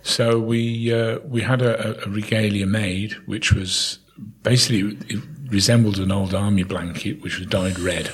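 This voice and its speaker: An older English man with a husky voice, telling casual anecdotes in a chatty, jovial way as a podcast guest. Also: lowish voice, steady tone, normal speed, hardly any pauses. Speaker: podcast guest, town crier and historical guide.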